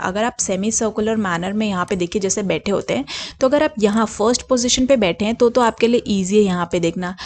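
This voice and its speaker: A young adult woman tutor giving exam tips in a spoken lesson, switching between Hindi and English, slow and deliberate on English sentences and often checking in with her listeners. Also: medium pitch, darkish tone. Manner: mixes Hindi and English, asks "ठीक है?" to check in.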